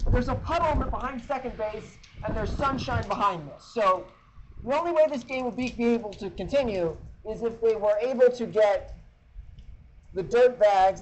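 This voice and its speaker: A man's voice: very high voice, poor audio. A man giving informal, rambling rain updates as a sports broadcaster, outdoors on a handheld dictaphone-style voice recorder. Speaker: high school baseball broadcaster. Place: outdoors by a door in a rainstorm. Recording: handheld voice recorder with clear noise.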